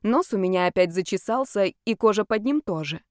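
Woman narrating an audiobook, smooth and close. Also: mid-range voice, expressive, a little fast, a little mellow, no room sound.

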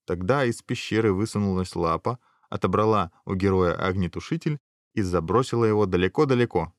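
A man with a low voice reads a fairy tale aloud, steady and measured. The recording is dry and close, with no room echo. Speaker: narrator. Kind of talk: storybook reading.

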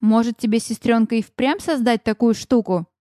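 A woman voicing a calm, measured young male fairy mage who speaks slowly and deliberately. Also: fairly high pitch, no room sound, clean studio sound, pitched below the performer's own voice, natural voice. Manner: slow, deliberate speech.

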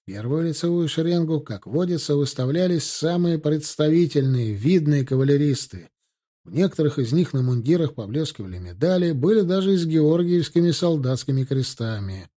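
Mellow-voiced male audiobook narrator. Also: fairly high pitch, expressive, a little fast. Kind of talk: scripted narration.

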